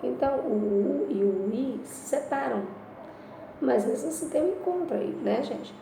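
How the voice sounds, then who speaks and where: A woman's voice: sits high, expressive, measured pace, creaky, dark tone. A woman teacher with a Brazilian accent giving a remote Portuguese lesson, explaining step by step and asking and answering her own questions. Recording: echoey room with faint noise.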